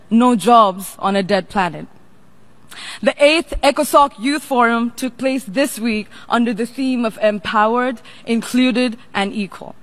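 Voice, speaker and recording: A young woman from Nepal, a youth representative, delivering a formal prepared speech in a measured, deliberate way. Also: high voice.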